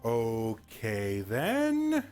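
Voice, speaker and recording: A man's voice: mid-range voice, wildly swooping pitch, extremely slow. A man acting as game master, casually moderating a tabletop role-playing game. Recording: background music under the voice.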